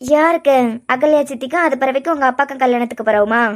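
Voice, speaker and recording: A woman with a Kanyakumari Tamil accent voicing a gentle young woman who soothes and coaxes a crying little girl in a cartoon serial. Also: sits high, quick pace, pitched below the performer's own voice, natural voice. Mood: soothing. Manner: soothing, coaxing, tender.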